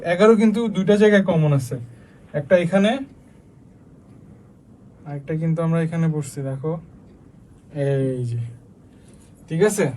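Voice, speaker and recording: A teacher walks through the rules step by step, checking in with the class as he goes. His voice sits fairly high for a man. A faint noise runs under the recording. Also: a little mellow. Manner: explains step by step, asks the class questions. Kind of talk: online exam-prep lesson.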